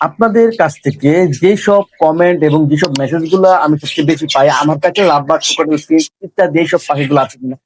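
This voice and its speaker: A man's voice: fairly high pitch, quick pace, hardly any pauses, poor audio. A young man from Bangladesh talking casually to his viewers about the birds he keeps, friendly and explaining as he shows his cages. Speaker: bird-keeping vlogger. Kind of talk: casual vlog talk to viewers.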